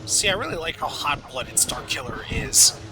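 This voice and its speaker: A man's voice: mid-range voice, big pitch swings, moderate pace. A man giving casual, blunt game commentary as a co-commentator. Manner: blunt, sweary. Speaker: let's play co-commentator. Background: game music and effects.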